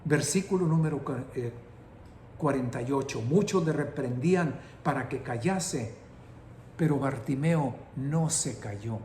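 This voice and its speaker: A middle-aged man preaching an impassioned sermon that builds to shouting. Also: medium pitch, measured pace, slight background noise. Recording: roomy echoing room.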